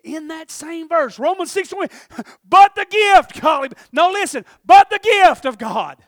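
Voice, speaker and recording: A middle-aged man preaches in a high, ringing voice. He swings between shouted urgency and hushed, personal asides. The sound is close and dry, with no room around it. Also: lively intonation, measured pace, no room sound. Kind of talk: sermon.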